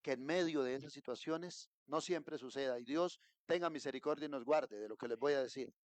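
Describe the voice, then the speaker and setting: A middle-aged Colombian man preaching a sermon as pastor, rising to emphatic peaks and dropping to quiet asides. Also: mid-range voice, a little fast, no echo. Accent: Colombian Spanish. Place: church.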